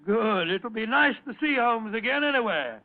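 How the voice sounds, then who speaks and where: An actor playing a genial, easily amazed middle-aged British gentleman doctor in a blustering, stammering old radio style. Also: high-pitched, expressive, moderate pace, background noise. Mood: intrigued. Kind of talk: old-time radio acting. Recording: tinny, band-limited old radio recording.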